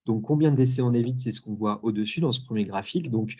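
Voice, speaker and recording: A man giving an explanatory answer as a researcher in a webinar, pausing and rephrasing as he goes. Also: medium pitch, a little mellow, slightly rough.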